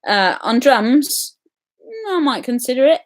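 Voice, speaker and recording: A woman hosting a casual live stream, chatty and excitable, answering viewer comments with lots of ums. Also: a little high, a little slow. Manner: chatty and excitable, many ums, reacts to comments as they come.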